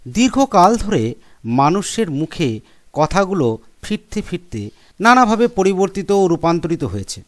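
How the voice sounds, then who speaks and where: A man's voice: high voice, sing-song, normal speed. A man teaching a school grammar lesson, explaining step by step and listing examples one by one. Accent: Bengali. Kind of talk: classroom lesson.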